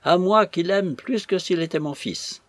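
A man voicing a scheming old woman who fawns and wheedles, in a shrill, husky voice. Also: expressive, a little slow, darkish tone, no echo. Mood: gushing. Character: scheming cackling old woman, fawning and sly.

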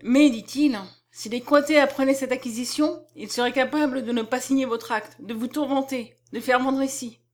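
A woman reading the lines of a shrewd male provincial lawyer in an audiobook, brisk and self-assured. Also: sits high, fairly even intonation, lightly acted. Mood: persuasive. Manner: brisk, confident persuasion.

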